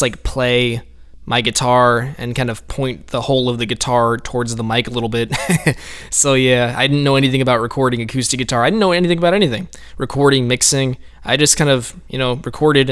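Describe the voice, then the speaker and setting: A man's voice: medium pitch, fairly bright tone, clean tone. A man talking through his own album in casual solo commentary, laid-back and rambling, with frequent light laughs.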